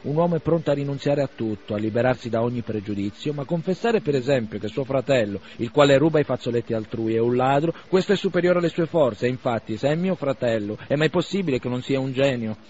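A man's voice: medium pitch, animated, fast, few pauses, a little hiss or hum, voice pushed up, lightly acted. A man reading the part of a blunt, scornful young man who mocks and provokes his friend, on a slightly dull radio recording. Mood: mocking. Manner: sarcastic, forceful.

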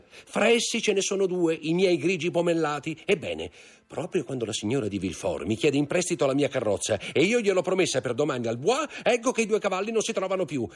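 Man voicing a shrill indignant baroness. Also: husky. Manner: shrill, scolding, high put-on voice. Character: indignant haughty aristocratic baroness, middle-aged. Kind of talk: audiobook character voice.

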